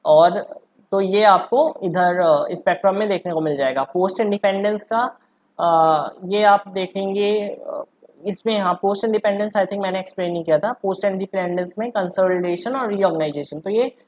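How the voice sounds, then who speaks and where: A woman teaching exam preparation in a casual way, often checking in with "okay?" and pausing on fillers. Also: mid-range voice, darkish tone, slight background noise. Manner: explains in a chatty way, often asks "ठीक है" and "है ना"; hesitant, with many fillers and restarts. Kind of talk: casual Hindi-English lesson.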